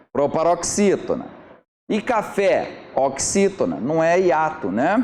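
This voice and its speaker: Lively-voiced male exam tutor. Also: on the high side, a little hiss or hum. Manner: keeps checking in with the listener. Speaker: exam prep teacher. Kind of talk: explaining exam questions step by step.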